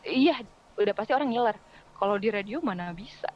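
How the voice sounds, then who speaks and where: A woman's voice: medium pitch, expressive, a little fast, highs cut off. A woman who works as a radio voice-over artist, chatting casually as a podcast guest and explaining her craft with spoken examples. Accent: Indonesian.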